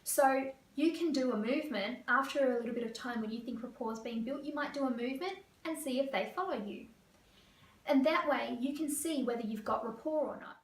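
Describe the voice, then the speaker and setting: A woman career coach from Australia, explaining interview tips to camera in a fast, lively way. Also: high-pitched. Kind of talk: teaching to camera. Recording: echoey room, voice a bit far.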